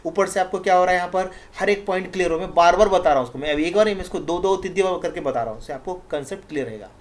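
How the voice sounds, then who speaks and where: A male chemistry teacher giving a recorded lecture who reads definitions out slowly, word by word, repeats each point and keeps checking whether his students follow, in a reassuring tone. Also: high-pitched. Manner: reassuring, encouraging tone. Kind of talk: recorded exam-prep lecture.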